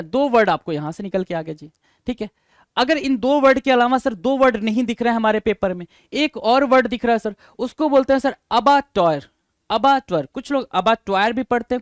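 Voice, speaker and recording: A man's voice: high voice, no echo, clean studio sound. Coaxing male vocabulary teacher. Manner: spells words letter by letter and keeps asking rhetorical questions; repetitive, coaxing, addresses listeners as sir and bhai. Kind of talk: exam-prep vocabulary lesson.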